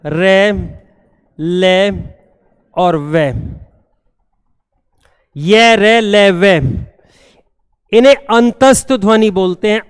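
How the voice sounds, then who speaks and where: A man teaching a classroom grammar lesson, repeating each term slowly and checking that students have understood. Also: high voice, smooth, clean studio sound. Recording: long hall reverb.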